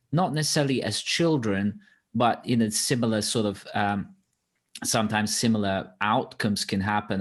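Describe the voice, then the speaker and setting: A man from Bosnia with a Bosnian accent, hosting a reflective interview and speaking hesitantly, with restarts and sighs. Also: lowish voice. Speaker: host.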